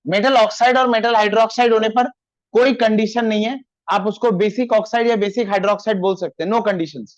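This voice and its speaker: Man, chemistry teacher, high voice, classroom lecture, dictates slowly, scolds chatter, dry lo-fi sound. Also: steady tone, no room sound.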